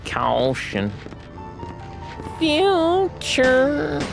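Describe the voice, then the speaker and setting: An American man talks through a livestream as he plays, and his pitch swings widely. He rambles between fillers and quick self-corrections, thinking aloud as he goes. Game music plays clearly under his voice. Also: wildly swooping pitch. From United States. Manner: thinks aloud while playing. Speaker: streamer. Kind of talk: casual gameplay livestream chat.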